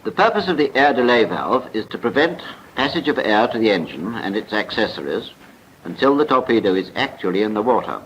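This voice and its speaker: This is a film voice-over in which a British-accented man delivers exact, formal narration styled after a 1940s army instructional film. He speaks briskly in a lowish, slightly bright voice that swings widely in pitch, heard through a muffled, noisy 1940s soundtrack.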